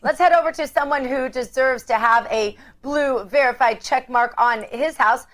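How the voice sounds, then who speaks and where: A woman anchoring a news program with a slightly high voice. She talks in a chatty way and tosses off laughing asides between reports. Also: moderate pace, fairly bright tone. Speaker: news show host.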